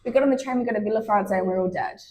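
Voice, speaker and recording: A young woman co-hosting a casual chat podcast, telling travel stories with animated, freely swearing energy. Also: mid-range voice, racing. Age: young adult. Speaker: podcast co-host.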